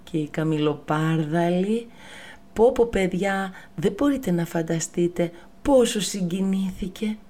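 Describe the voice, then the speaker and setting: A woman storyteller narrating a fable for children, often speaking to them directly. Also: on the low side. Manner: lively, addresses the children directly.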